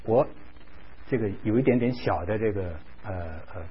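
A man's voice: lowish voice, moderate pace, slight background noise. A man preaching a sermon, telling a story with animation, acting out quoted voices, and dropping in English words. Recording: dull lo-fi recording.

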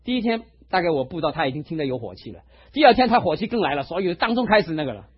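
A male pastor preaching a sermon, telling a personal testimony in an animated storytelling way, in a dull lo-fi recording. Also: a little high, very fast, breathy edge. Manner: animated storytelling, acts out quotes.

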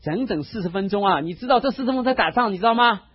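A male pastor preaching a sermon, telling a personal testimony in an animated storytelling way, in a dull lo-fi recording. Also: high voice, very fast, breathy edge. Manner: animated storytelling, acts out quotes.

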